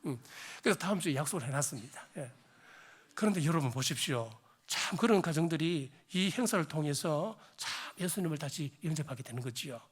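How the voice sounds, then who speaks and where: A hoarse middle-aged pastor with a Gyeongsang accent, preaching a sermon in a church, swinging from emphatic exhortation to chatty storytelling. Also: male voice, on the high side, lively intonation, a little fast. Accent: Gyeongsang Korean. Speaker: senior pastor. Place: church sanctuary.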